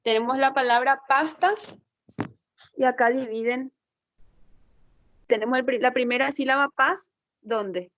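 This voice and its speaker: At a measured pace with long pauses, a woman teacher with a high, fairly bright voice explains an online lesson, thinking aloud over her slides. She patiently confirms that students follow along, frequently using tag questions. No room sound is audible, and the highs are cut off.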